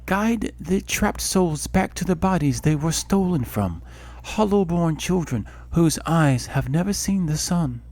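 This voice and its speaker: Man as solemn commanding goddess, raised pitch, breathy, poetic, slow, fantasy game voice. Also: animated, a little mellow. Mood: solemn, hopeful. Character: solemn, commanding goddess speaking through birdsong and wind. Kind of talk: amateur voice acting in a fantasy game.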